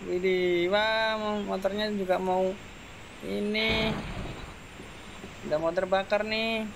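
Brief: male gaming YouTuber, high voice, keeps exclaiming over loud game effects. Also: takes it slowly, creaky, heavy background noise. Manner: excitable, exclaiming and repeating himself. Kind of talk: excited gameplay commentary.

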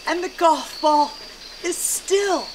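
A woman's voice: extremely high pitch, music in the background, rough recording. A middle-aged woman playing a self-important, overwrought TV storm reporter in a spoof live weather report, stretching her words for drama. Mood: solemn, mournful. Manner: overwrought, drawn-out dramatic emphasis. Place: outdoors at night on rainy driveway. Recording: rain noise outdoors, camera mic. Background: rain falling.

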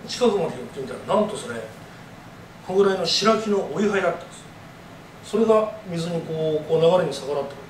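A man's voice: on the high side, expressive, quick pace, slight background noise. A man telling a ghost story live on stage in a dramatic way, acting out the voices of the people in it. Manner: dramatic, acts out voices and gasps. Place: live event venue. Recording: echoey room from far off.

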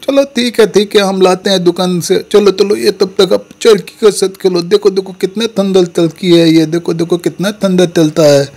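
A man narrates toy play in a childlike, lisping manner, repeating short calls again and again. His voice sits high but stays flat in its melody, with a dark, mellow tone. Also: moderate pace, few pauses. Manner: repeats "look, look" and "come on" constantly, childlike lisping speech.

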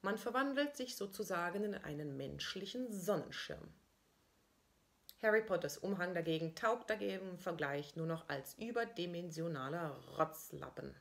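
A woman's voice: fairly low pitch, animated, normal speed, creaky. A woman reading her own first-person diary-style story aloud in a dry, ironic manner.

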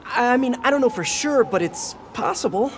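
An actor playing a young, wisecracking, anxious superhero in a video game, with an American accent and a rambling, self-questioning manner. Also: male voice, very high voice, lively intonation, moderate pace, background noise. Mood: nervous, rambling. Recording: music behind the voice.

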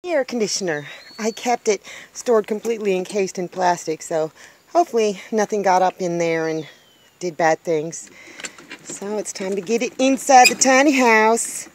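A middle-aged woman who vlogs about homesteading talks casually to a handheld phone camera, indoors in her small tiny house and out in the garden. Her mid-range voice moves at a normal speed, chatty, upbeat and thinking aloud, over slight background noise in a rough recording.

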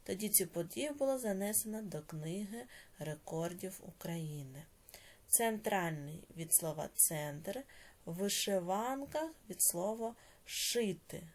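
A woman teaching a primary school language lesson, dictating words slowly and then explaining quickly, often dropping to a whisper at phrase ends. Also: mid-range voice, animated. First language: Ukrainian.

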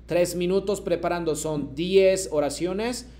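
A man teaching a Japanese class over a video call, patiently modeling each phrase slowly for students to repeat. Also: high-pitched, warm tone. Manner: patient, slow careful modeling of phrases for repetition. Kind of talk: online language lesson.

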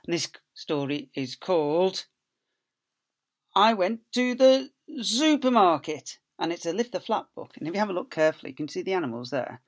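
At normal speed, a middle-aged male school teacher reads a picture book aloud to young children in a high-pitched voice with big pitch swings. He playfully stretches key words and performs sound effects. A laptop webcam records him up close in a small office.

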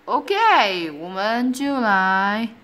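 A woman gives casual commentary while she plays a game. She giggles often and breaks into excited exclamations. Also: fairly high pitch, extremely slow. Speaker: gaming YouTuber.

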